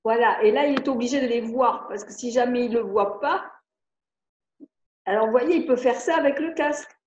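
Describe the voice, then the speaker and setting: A woman's voice: on the high side, a little mellow, slight background noise. Older woman explaining over a video call. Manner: didactic, slow spelling of letters and syllables. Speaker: speech therapist. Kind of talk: explaining spelling exercises in a video conference. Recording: echoey, dull video call audio.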